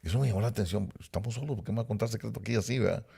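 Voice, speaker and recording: Low gravelly-voiced man preaching. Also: racing, dark tone. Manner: emphatic, repetitive, addresses listeners directly. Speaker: pastor. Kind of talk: sermon.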